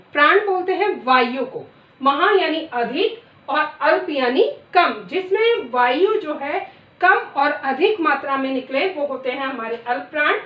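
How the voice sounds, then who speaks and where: A middle-aged woman teaching a lesson, reciting letters one by one in a deliberate way. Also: sits high. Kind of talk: classroom lesson. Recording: echoey room, distant dull mic.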